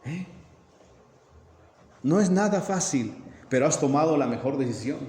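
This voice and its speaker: In an echoey church hall with faint hiss, a pastor preaches a sermon in a fairly high, animated voice with a dark tone and measured pace. He often asks his congregation questions and acts out dialogues.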